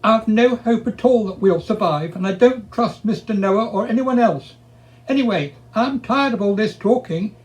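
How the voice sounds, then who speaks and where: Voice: medium pitch, normal speed, a little mellow, pitched above the performer's own voice, lightly acted, poor audio. A performer voicing a cynical, sneering, argumentative monkey in a storybook reading, sex of the figure male. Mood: grumbling, defiant. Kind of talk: storybook character voice.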